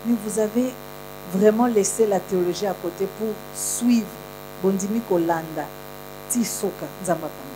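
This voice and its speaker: A Congolese woman with a Congolese French accent speaks to a church gathering, fervent and earnest, often repeating her key phrases for weight. Her voice sits at an ordinary middle pitch. A steady electrical hum and buzz runs under the recording. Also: moderate pace. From Congo (Kinshasa). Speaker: pastor's wife, guest minister. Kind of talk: church address.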